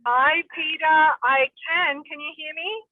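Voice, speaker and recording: A woman's voice: high voice, unhurried. Give me a woman on a car speakerphone, enthusiastic and encouraging, with a thin phone-line sound. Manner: enthusiastic and affirming. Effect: hands-free phone call from a moving car. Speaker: meeting participant. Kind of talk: casual video-call chat.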